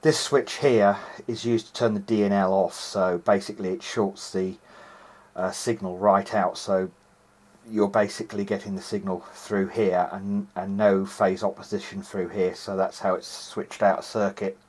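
Working through an electronics repair on his video diary, a hobbyist man thinks aloud in casual technical narration, somewhat hesitant. He has a low, darkish voice with little pitch movement and a moderate pace.

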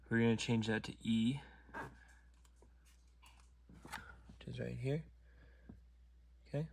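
Working inside his truck while a phone films him, a DIY car tutorial maker calmly narrates a steering wheel module installation step by step. His voice is medium-pitched, his delivery slow and methodical as he talks through the job, with a few asides spoken almost in a whisper.

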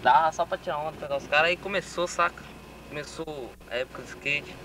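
A man's voice: a little high, brisk. A young Brazilian man chatting casually in offhand slang, recorded outdoors on a home VHS camcorder tape. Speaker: skateboarder. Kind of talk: casual chat. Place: outdoors on concrete steps, open air. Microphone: camcorder microphone. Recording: windy, noisy 1990s VHS camcorder tape.

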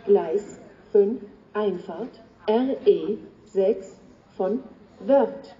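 Slow, flat platform announcement, female voice. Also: mid-range voice. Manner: flat, clipped, piecemeal phrasing. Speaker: automated railway station announcer. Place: railway platform, outdoors, over loudspeakers. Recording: dull lo-fi station PA, background noise.

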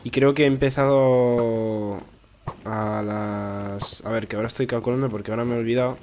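A man's voice: medium pitch, fairly even intonation, moderate pace, darkish tone, slight background noise. A man with a Spain Spanish accent giving casual, rambling gameplay commentary, swearing freely as he talks. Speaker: gaming YouTuber.

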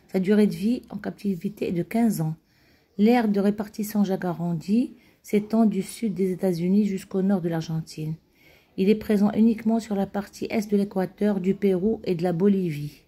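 A woman narrates a scripted documentary in a steady reading voice. Her tone is warm and mellow rather than bright. The recording is dry and close. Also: medium pitch, slightly rough, no echo. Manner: steady reading with occasional slips. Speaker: narrator of a documentary-style video.

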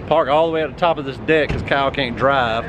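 A man's voice: mid-range voice, fast talker, muffled recording, noisy background. A man in his thirties chatting casually into a phone camera held at arm's length, in an upbeat, rambling way with plenty of fillers. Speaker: vlogger. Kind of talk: casual travel vlog. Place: outdoors on city streets and in a car.

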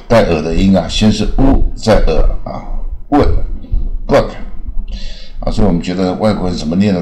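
A man teaching English pronunciation in a casual lesson, drawing out phrases with a trailing "ah" and repeating words slowly to demonstrate. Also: sits low, dark tone. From Taiwan. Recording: echoey room.

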